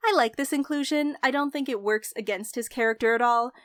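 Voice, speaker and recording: Dry-recorded, higher-voiced young woman reviewer. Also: brisk, fairly bright tone, no echo. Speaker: video essayist, game reviewer. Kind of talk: scripted review narration.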